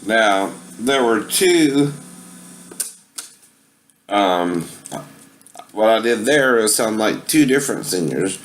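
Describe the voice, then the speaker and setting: Fairly low-pitched and expressive, this man takes his time and pauses often while showing a tape deck in an amateur video, with slight background noise. His explanations are casual, dotted with "right?" at phrase ends and with sung impersonations.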